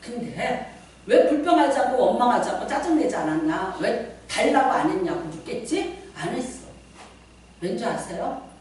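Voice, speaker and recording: A middle-aged woman pastor preaching a lively sermon, often asking the congregation questions. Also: on the high side, normal speed, slight background noise. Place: church sanctuary. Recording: very echoey church hall, mic at a distance.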